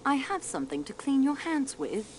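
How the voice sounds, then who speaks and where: A composed French investigator with a French accent, formal and dryly polite. Her pitch moves freely from question to question while she keeps her calm. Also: moderate pace, slight background noise. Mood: cool. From France. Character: polite young French woman investigator, cool and dry. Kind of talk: video game voice acting.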